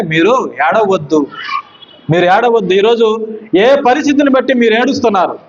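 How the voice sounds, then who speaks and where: A man preaching a sermon who asks his listeners questions and answers them himself, dropping low and slow on scripture quotes. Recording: dull lo-fi recording.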